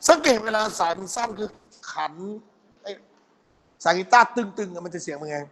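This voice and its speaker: With a high-pitched, slightly bright voice, this physics tutor leads an exam review, walking students through problems. He quizzes them constantly, asking "got it?" again and again to make sure nobody falls behind.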